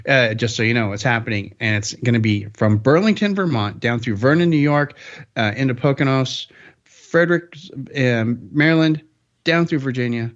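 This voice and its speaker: A man's voice: mid-range voice, moderate pace. Man, podcast host, casual rambling upbeat delivery, slightly dull lo-fi sound.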